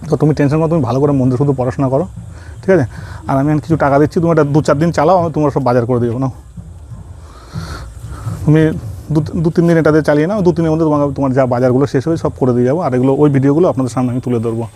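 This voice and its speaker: A man's voice: on the high side, fairly even intonation, racing, dark tone, a little hiss or hum. A man, running a charity vlog and speaking earnestly and reassuringly, often repeating himself. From Malda, West Bengal. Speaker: charity vlogger. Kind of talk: vlog chat and appeal to viewers.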